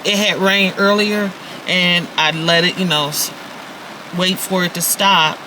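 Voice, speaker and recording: Filming herself on her phone at a park and inside her parked car, this fifties-aged vlogger speaks casually and directly to her audience, leaning on lots of fillers. Her voice sits lowish and steady, moving at a measured pace against some background noise.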